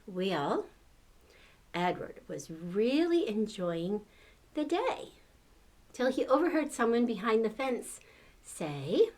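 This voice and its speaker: An older woman reads a children's story in a grandmotherly voice. Her pace is very unhurried and her pitch swings in a lively way. She coaxes and encourages as she goes, adding playful asides.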